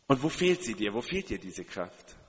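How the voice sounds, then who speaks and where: A man's voice: fairly low pitch, very animated, moderate pace. A man preaching a sermon, speaking earnestly and putting direct questions to his listeners, repeating key phrases for emphasis. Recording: long hall reverb, dull sound.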